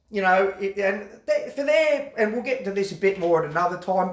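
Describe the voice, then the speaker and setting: Guy explaining security stuff, kinda high voice, casual with lots of uh's. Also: reverberant. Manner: casual, conversational, with frequent fillers and acted-out example phrases. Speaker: self-defence instructor. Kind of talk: explanatory talk to camera.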